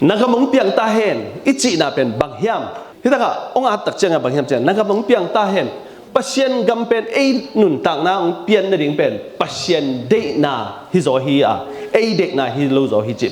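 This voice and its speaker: A man delivers a sermon with a high voice that swoops up and down as he talks. He repeats phrases for emphasis and drops English terms into his preaching. The sound bounces around an echoey room. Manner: lively, animated delivery with frequent repetition.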